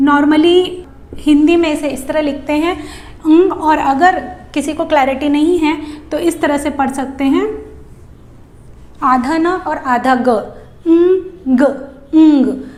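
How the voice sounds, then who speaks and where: A woman giving a phonics lesson for parents, patiently repeating sounds slowly and clearly. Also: sits high, reverberant. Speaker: English teacher for parents of young children. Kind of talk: phonics lesson in Hindi mixed with English.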